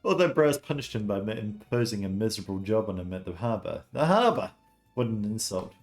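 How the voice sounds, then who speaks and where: A man's voice: lowish voice, lively intonation, a little fast, faint music behind. A man voicing a haughty, gossipy noble aunt in a video game, with theatrical, scandalized exclamations. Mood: indignant.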